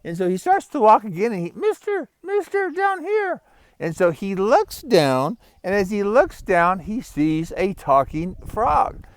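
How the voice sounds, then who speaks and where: An upbeat middle-aged man chats and tells a story outdoors, chuckling as he goes. His voice sits a bit high for a man and sounds close and dry. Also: sing-song, unhurried, no echo. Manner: upbeat, chatty, chuckles often. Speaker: vlogger and life coach. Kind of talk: casual storytelling and advice. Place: outdoors by a small pond.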